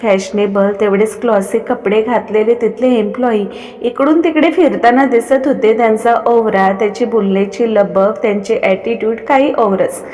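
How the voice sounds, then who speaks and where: A woman's voice: fairly high pitch, normal speed, mellow. Woman narrating a story, reverberant. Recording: long reverb.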